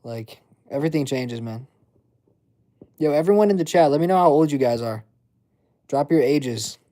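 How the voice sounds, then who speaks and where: Animated and fairly high-pitched yet dark in tone, this twentysomething man talks at normal speed on his livestream. He reads the chat and drifts along in casual slang packed with filler words.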